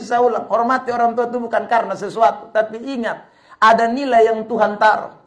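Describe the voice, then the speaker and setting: A male pastor with a Kupang Malay accent preaching a sermon, emphatic and at times shouting, often addressing the congregation fondly. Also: very high-pitched. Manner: keeps repeating a fond address to the congregation.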